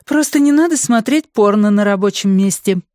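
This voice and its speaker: A man's voice: sits high, expressive, normal speed, darkish tone, dry recording, clean studio sound, voice pushed up. A man voicing a teasing young female office coworker in an audiobook, speaking in a mocking, breezy way.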